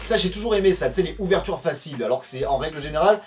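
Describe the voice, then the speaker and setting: High-voiced chatty French vlogger. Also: male voice, expressive, racing, recorded from a distance, background noise. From France. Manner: chatty and conversational, addresses viewers as friends, with frequent fillers. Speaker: food review vlogger. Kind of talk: casual product comparison vlog.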